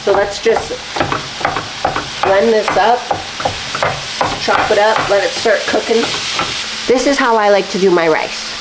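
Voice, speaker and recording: Heavy background noise surrounds a woman fitness vlogger cooking in her home kitchen, with frying food sizzling faintly. Her mid-range voice moves at a measured pace with frequent pauses, slightly stuffy and nasal after a cold. Casual and upbeat, she fills her vlog chatter with fillers.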